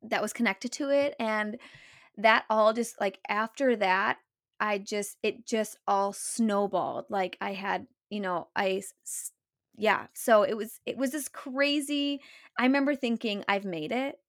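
A young woman, a podcast guest, retelling her story in a casual, animated way, acting out what others said, with many fillers. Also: mid-range voice, unhurried, no room sound, clean studio sound. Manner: animated retelling with many likes and quoted voices.

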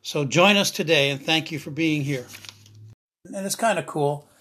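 A man's voice: a little high, moderate pace, bright, forceful tone. A middle-aged man hosting a devotional podcast, telling a story in a rambling way with many fillers and restarts and a dry, sarcastic humor. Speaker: podcast host, ministry teacher. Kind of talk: informal devotional podcast talk.

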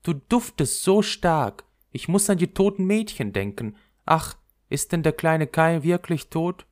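A man's voice: expressive, unhurried. A man voicing Gerda, a small anxious girl searching for her lost friend, in a raised pleading voice. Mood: sorrowful. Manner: pleading, raised girlish pitch.

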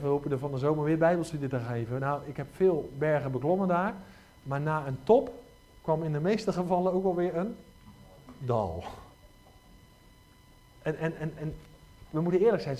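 A middle-aged man preaching a lively sermon, often asking his listeners rhetorical questions. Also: a little high, fairly quick. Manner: animated, frequent rhetorical questions.

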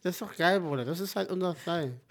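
A young man co-hosting a casual podcast, talking in an animated, jokey, rambling way. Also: high-pitched, fast talker. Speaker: podcast co-host. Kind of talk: casual chat.

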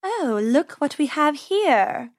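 A woman voicing a sly female farm cat who purrs her words in a slow, menacing drawl. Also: high-pitched, sing-song, no echo, studio quality, voice pushed up, full character voice. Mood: silky menace.

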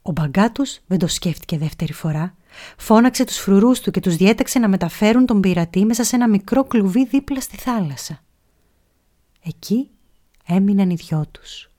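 A woman reading a children's pirate story aloud, expressive, dropping to a whisper at tense moments. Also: mid-range voice.

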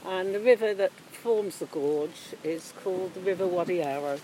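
A woman reading her own poetry aloud in a measured, deliberate way, with Spanish names and phrases mixed in. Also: fairly low pitch, dark tone, a little hiss or hum, low-quality recording. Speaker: amateur poet reading own poem.

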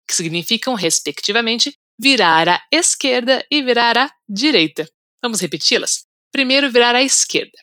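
A Brazilian woman hosts an English-lesson podcast from a script. She repeats each word slowly and carefully for the listener to copy. Her voice is bright and forceful, and the recording is dry and close. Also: on the high side, dry recording. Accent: Brazilian Portuguese. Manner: slow, deliberate repetition for learners. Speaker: English teacher, podcast host.

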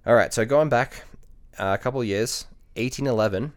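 Co-hosting a podcast, a man with a medium-pitched, brisk voice tells a history story casually. He's relaxed but hesitant, with frequent ums and restarts.

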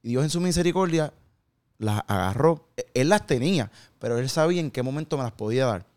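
Earnest man telling his story, smooth voice. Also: mid-range voice, animated, fairly quick, a little mellow. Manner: earnest storytelling with quoted dialogue, slangy asides. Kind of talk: casual testimony in an interview.

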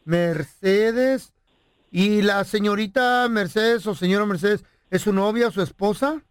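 High-voiced radio host, dry studio. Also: male voice, measured pace, clear, resonant tone, no echo. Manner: polite salesman patter, then slangy joking. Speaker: radio prank show host. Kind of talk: radio prank call and studio banter.

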